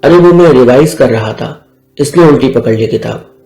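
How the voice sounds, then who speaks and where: A man's voice: medium pitch, normal speed, warm tone, natural voice. A man voicing a sulky teenage boy who whines and defends himself, in an echoey room with faint music. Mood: whiny. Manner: whining, defensive. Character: whiny teenage boy, sulky younger brother.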